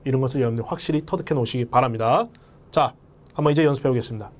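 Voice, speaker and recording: A man's voice: mid-range voice, racing. A man teaching an English lesson, emphatic and often speaking straight to his viewers. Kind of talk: lecture.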